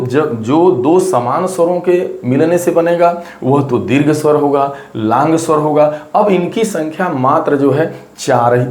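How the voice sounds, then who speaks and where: A man's voice: fairly high pitch, darkish tone. A man teaching an exam-prep grammar lesson, explaining step by step and repeating his points to students. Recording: roomy echo.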